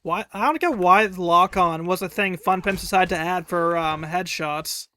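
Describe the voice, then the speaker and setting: A man's voice: high-pitched, normal speed, pushed and bright. A man casually commenting on his own gameplay during a live stream, chatty and wry, taunting enemies as he plays. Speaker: game streamer.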